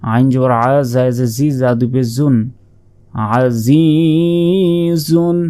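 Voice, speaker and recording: A man teaching Quran reading, spelling out letters and vowel marks one by one, then chanting each word in a long, drawn-out melody. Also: medium pitch, level tone, warm tone. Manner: slow measured spelling with drawn-out melodic recitation. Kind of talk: spelling out and reciting Arabic verses.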